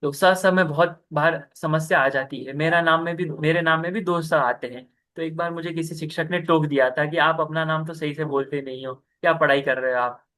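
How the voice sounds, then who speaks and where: A young man with a slightly high, fairly bright voice teaches a scripture class on a video call, speaking at a normal speed with fairly even intonation and few pauses. Patient, he works through the material step by step and keeps checking on his students, often asking "ठीक है".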